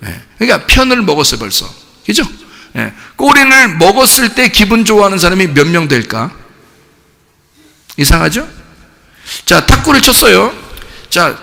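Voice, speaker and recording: A middle-aged male pastor preaching with a high, lively voice that leaps and drops. His tone is bright and edged with a gravelly rasp. He keeps putting questions to the congregation, and a long church-hall reverb trails behind him. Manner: animated, asks the congregation questions and acts out cheering crowds. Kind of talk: sermon. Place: church sanctuary.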